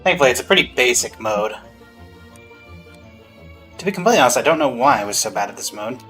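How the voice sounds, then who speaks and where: A man's voice: mid-range voice, very animated, quick pace, a bit bright. Casual man streaming a game. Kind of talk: casual gameplay commentary. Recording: faint music behind voice.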